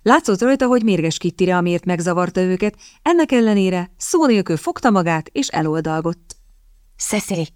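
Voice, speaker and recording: A woman narrating a novel as an audiobook in a measured, even storytelling manner, recorded close on a studio mic. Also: on the low side, clean tone, no echo.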